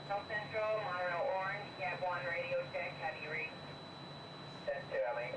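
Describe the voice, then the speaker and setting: Male dispatcher, slightly high voice, clipped radio codes, heard over a two-way radio, roomy and distant. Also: moderate pace, noisy background. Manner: terse, code-laden radio calls. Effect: heard over a two-way radio in the cab. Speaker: monorail central dispatcher. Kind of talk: clipped radio procedure talk.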